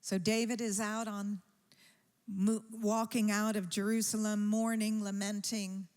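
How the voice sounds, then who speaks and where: Slow, emphatic woman preaching in a reverberant hall. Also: mid-range voice, flat delivery, a little mellow. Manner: slow, emphatic storytelling with rising intensity. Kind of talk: sermon. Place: church sanctuary. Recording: long church-hall reverb.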